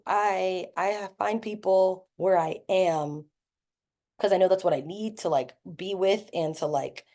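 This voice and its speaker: Young woman, warm dark tone, a bit low, casual personal talk as a guest speaker. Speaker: guest speaker sharing experience. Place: online video call.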